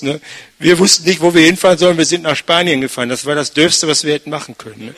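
Gravelly-voiced older man preaching casually. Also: mid-range voice, a bit bright. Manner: chatty, frequent tag "ne?". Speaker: pastor. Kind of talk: conversational sermon.

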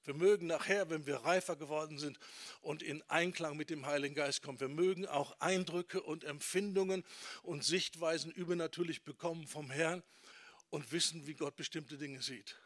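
A man delivers a teaching sermon in a somewhat high voice. He speaks emphatically and keeps turning to his listeners with short checking questions. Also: steady tone, normal speed, no room sound. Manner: emphatic, quotes people in acted asides. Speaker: preacher on discipleship.

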